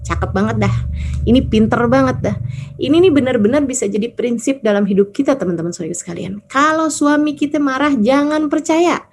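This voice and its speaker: A woman's voice: medium pitch, a little mellow. A woman preacher giving a casual religious talk, telling stories in a chatty, colloquial way and acting out the voices she quotes. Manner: colloquial, addresses listeners directly. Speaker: Islamic preacher.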